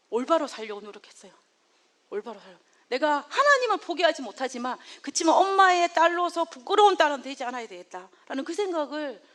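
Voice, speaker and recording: A woman from South Korea giving a sermon and telling a personal story, often laughing as she goes. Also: high-pitched. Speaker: preacher.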